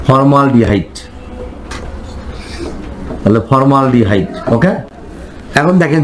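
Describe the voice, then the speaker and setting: A man's voice: fairly high pitch, background noise. A man teaching a chemistry class, lecturing and firing repeated questions at his students.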